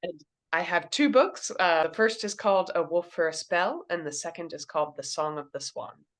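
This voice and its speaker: Low-voiced author woman from Kentucky. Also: normal speed. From Kentucky, USA. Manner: thoughtful, explains things simply to a child. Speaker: children's book author. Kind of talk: interview answers.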